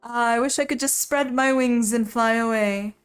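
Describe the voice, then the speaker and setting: A woman's voice: a little high, steady tone, moderate pace, smooth. A young woman streaming a visual novel, playfully reading its narration and lines aloud. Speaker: game streamer.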